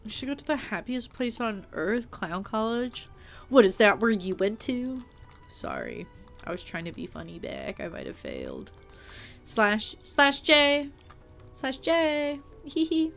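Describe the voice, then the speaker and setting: A woman's voice: mid-range voice, unhurried, vocal fry, soft background music. A woman live-streaming a game, chatting casually and playfully, teasing her viewers and poking fun at herself. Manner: animated, with frequent filler "like" and mild swearing.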